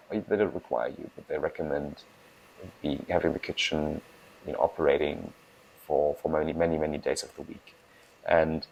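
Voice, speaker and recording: Young founder, very deep voice, brisk and emphatic interview guest. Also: male voice, gravelly, darkish tone, rough recording. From Germany. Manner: fast-talking, restarts words, emphatic. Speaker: guest, food startup founder. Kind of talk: casual interview answers.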